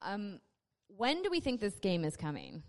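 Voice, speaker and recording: A woman's voice: medium pitch, huge pitch swings, normal speed. An American woman hosting a casual live panel, chatty and joking as she talks to the audience. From North Dakota, USA. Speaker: panel host. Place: large convention panel room with live audience. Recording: echoey hall, live panel PA.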